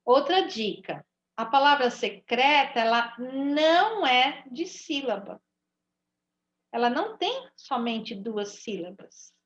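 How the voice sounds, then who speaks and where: A woman with a Brazilian Portuguese accent, teaching an online Portuguese lesson to young children and stretching out each word slowly. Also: sits high, big pitch swings, fairly bright tone, roomy sound, muffled recording. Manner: slow, drawn-out word-by-word dictation. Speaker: primary school teacher.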